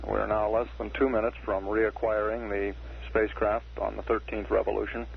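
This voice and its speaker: An American man giving measured, deadpan mission status commentary as a public affairs announcer, with hesitant pauses. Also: fairly low pitch, creaky. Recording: dull 1960s broadcast with faint hiss.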